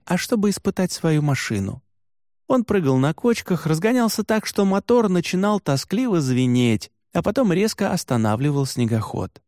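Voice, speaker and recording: A man narrating a first-person travel story as an audiobook, calm and storytelling, with expressive intonation, on a close studio mic. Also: a little high, no room sound.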